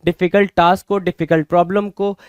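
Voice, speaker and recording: High-voiced male vocabulary teacher. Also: flat delivery, fairly quick, smooth, no echo, clean studio sound. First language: Hindi. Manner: repetitive, rhetorical questions to students. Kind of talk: Hindi-English exam prep lecture.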